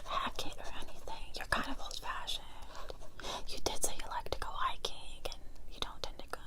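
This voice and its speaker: A woman's voice: normal speed, natural voice. A woman playing an obsessed, controlling stalker snooping through a home, in a whispered role-play, muttering and repeating phrases. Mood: furtive, calculating.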